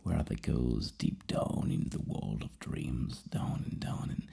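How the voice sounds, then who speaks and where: This ASMR roleplayer plays a psychologist giving a personality questionnaire, his voice extremely low, very deep, gravelly, and breathy with heavy fry and a mellow tone. He is soft-spoken, slow, halting, and rambling, sometimes dropping into whispers, yet his intonation stays lively.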